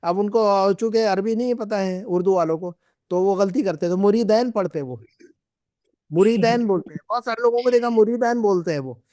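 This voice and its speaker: A man's voice: high-pitched, a little fast, darkish tone, no room sound, clean studio sound. A middle-aged man teaching an Arabic class, patiently repeating and drilling words with his students. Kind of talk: classroom lesson.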